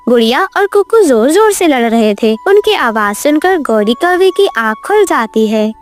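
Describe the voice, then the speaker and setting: Expressive narrator for a kids' cartoon, woman; high and very lively. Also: normal speed, soft background music. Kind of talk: children's story narration.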